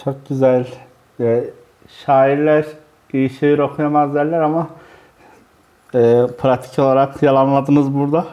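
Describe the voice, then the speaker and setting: A man conducting a casual literary interview in a halting way, pausing mid-phrase. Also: mid-range voice, fairly even intonation, dark tone, dull audio.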